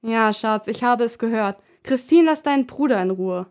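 A woman voicing an annoyed mother who scolds her children in a loud, raised voice. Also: on the high side, expressive, normal speed, natural voice. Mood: scolding.

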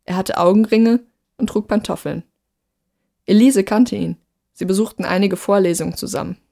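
A woman narrating a story in a steady, measured reading voice. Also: medium pitch, vocal fry.

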